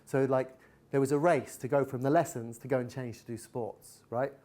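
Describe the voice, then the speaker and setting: A man's voice: medium pitch, normal speed. A man giving a candid live talk, telling personal stories and acting out retellings. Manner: candid storytelling, animated retellings. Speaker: guest speaker. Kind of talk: live talk with audience chat.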